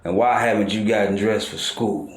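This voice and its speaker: A man's voice: on the low side, fairly even intonation, normal speed, close to an everyday voice. A man voicing a furious old grandfather. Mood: harsh. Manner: harsh, yelling, threatening. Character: hostile, hot-tempered grandfather, older man. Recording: roomy echo.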